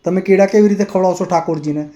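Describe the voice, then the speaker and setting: A practical, doubting wife questions her husband, as a male storyteller reads her lines. The voice is mellow and a little raised. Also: sits high, fast, lo-fi sound, natural voice. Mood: questioning.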